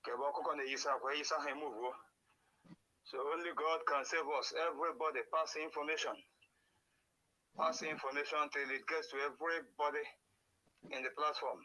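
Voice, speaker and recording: Nigerian man, voice note played over a stream, fast, urgent, pleading. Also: on the high side, steady tone, bright, forceful tone, rough recording. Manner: alarmed, pleading. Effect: voice message played back during a live stream. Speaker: local resident reporting events. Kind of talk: urgent voice note mixing Igbo and English.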